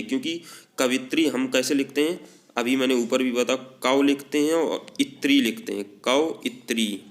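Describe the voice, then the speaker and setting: A man teaching a Hindi spelling lesson for exam practice. He talks with a north Indian Hindi accent, drags out the example words, and leans on the filler "हमारा" again and again. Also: mid-range voice.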